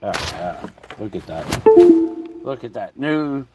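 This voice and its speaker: A man's voice: lowish voice, very animated, slow, over loud music. A man from the New York and New Jersey area hosting a livestream, chatting in a meandering way, spelling words out letter by letter and talking while he adjusts his camera. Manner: talks while fiddling with his camera setup. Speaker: livestream host. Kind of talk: rambling livestream chat.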